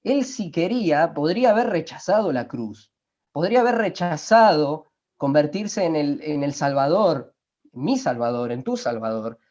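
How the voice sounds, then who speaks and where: A man preaching a sermon, emphatic, slowing down to quote scripture and asking his listeners rhetorical questions. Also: on the high side, very animated, darkish tone. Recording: dull lo-fi recording.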